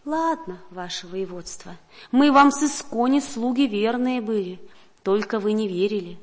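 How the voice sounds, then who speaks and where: A woman's voice: medium pitch, normal speed, natural voice. A woman reading aloud and voicing a fawning, tearful, pious old man who preaches to a crowd.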